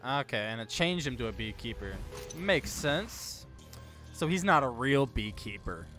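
A man's voice: mid-range voice, animated, measured pace, fairly bright tone, faint music behind. A young man giving casual, sweary reaction commentary, recorded close on a microphone in a small room. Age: young adult. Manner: informal, sweary. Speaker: reaction video host. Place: small indoor room at a desk. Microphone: close condenser mic with pop filter.

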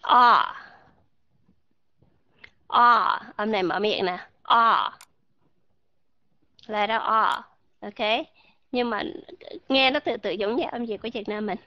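A woman teaching English pronunciation to an online class, modeling sounds slowly and asking her learners questions. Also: medium pitch, no room sound, dull audio.

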